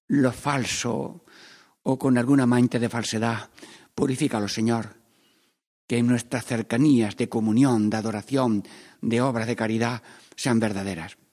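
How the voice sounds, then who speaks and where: A man leading a Stations of the Cross meditation, praying aloud and swinging between hushed pleas and loud, emphatic lines. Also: mid-range voice, big-room sound. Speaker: priest.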